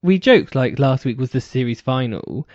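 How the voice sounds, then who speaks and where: A man with a British accent co-hosting a casual podcast chat. He is wry and joking, and often trails off into soft asides. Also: medium pitch, animated, moderate pace, dry recording. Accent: British English. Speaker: podcast co-host. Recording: dry, dull lo-fi podcast audio.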